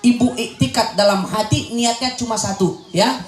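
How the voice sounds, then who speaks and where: A young male preacher giving a humorous sermon to a crowd of mothers, teasing them and shouting his punchlines. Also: very high-pitched, moderate pace, soft background music. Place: religious gathering with an audience. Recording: echoey event hall with crowd sound.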